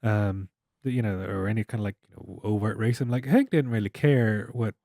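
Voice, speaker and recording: A man's voice: on the low side, a little fast, warm tone, no room sound, clean studio sound. A man co-hosting a casual podcast chat in a living room, rambling with many fillers and restarts. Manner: rambling, lots of fillers and restarts, laughs often. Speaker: podcast co-host.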